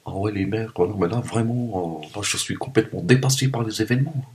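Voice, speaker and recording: Man, parisian accent, low voice, rambling joking vlog talk, chatting at home. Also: fairly quick, a little mellow. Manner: joking, rambling, teasing asides. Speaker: vlogger. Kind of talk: casual vlog monologue. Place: home, cold room.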